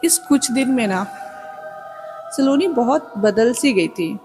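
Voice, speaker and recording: A woman's voice: on the high side, expressive, slow. Woman telling a scary story chatty style, music going behind. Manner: casual conversational retelling. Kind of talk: horror story narration.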